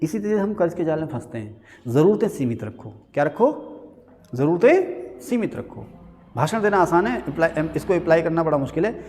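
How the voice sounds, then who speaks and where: A man's voice: fairly high pitch, expressive, quick pace, a little mellow. A man teaching an economics class in a classroom, joking and quizzing his students in a conversational way. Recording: hall reverb.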